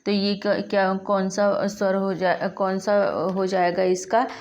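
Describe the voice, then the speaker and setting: A woman teaching a Sanskrit lesson in speech, slowly spelling out sounds one by one and repeating them. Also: mid-range voice, level tone, darkish tone. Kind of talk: classroom lesson.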